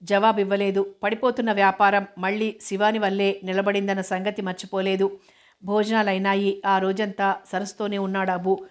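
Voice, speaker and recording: A woman reading a novel aloud as an audiobook narrator, steady and even, with an occasional restart of a word. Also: medium pitch, moderate pace.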